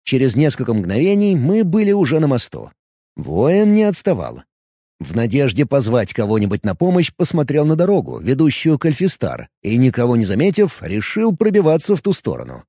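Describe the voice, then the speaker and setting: Man narrating with lively pitch. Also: fairly quick, no room sound, clean studio sound. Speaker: audiobook narrator. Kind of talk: first-person fantasy game narration.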